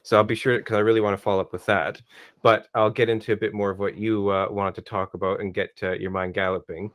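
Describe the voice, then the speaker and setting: Man, podcast host, casual interview, low voice, dry close mic, relaxed. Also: fast, dry recording. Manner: relaxed, encouraging, short reactions.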